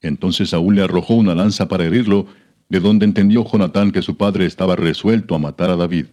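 A man narrates scripture in a measured, solemn way. His voice is very deep and mellow. He reads steadily, with no fillers. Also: dull audio. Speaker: scripture reader. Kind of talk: solemn scripted Bible reading.

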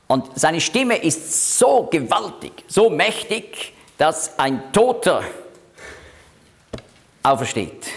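Slow, deliberate German Bible teacher. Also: male voice, a little high. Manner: slow, deliberate explaining with frequent fillers. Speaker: Bible study leader.

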